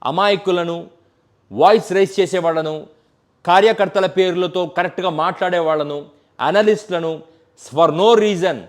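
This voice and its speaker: A man's voice: sits high, normal speed, pauses often. A man giving an impassioned political commentary, stacking repeated phrases and mixing in English words. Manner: mixes English words into speech.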